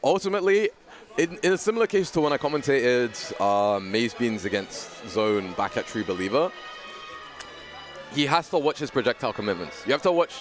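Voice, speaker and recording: A man's voice: mid-range voice, fairly quick, faint music behind. A British man giving playful, jokey live commentary on a tournament match. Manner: playful, jokey, excitable on big moments. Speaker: esports commentator.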